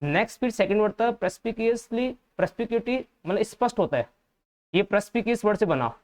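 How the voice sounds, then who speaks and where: A man's voice: sits high, expressive, unhurried. A man with a Hindi accent teaching an English vocabulary class for exam students. He explains each answer patiently and says the key words and their meanings more than once.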